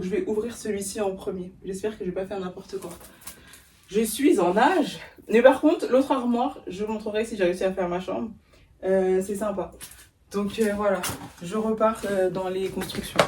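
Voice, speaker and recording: A woman's voice: fairly high pitch, mellow, slight background noise, poor audio. A young woman chatting casually in a home vlog from her bedroom, slangy and self-mocking. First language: not English. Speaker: vlogger.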